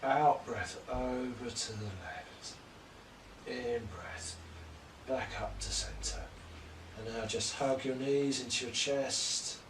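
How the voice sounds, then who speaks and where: A man leads a gentle yoga class, slowly cueing each breath and movement in a calm voice. He sits at an ordinary pitch, picked up by a distant mic in a reverberant room with faint background ambience. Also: noisy background. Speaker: yoga teacher. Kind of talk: guided yoga class instruction.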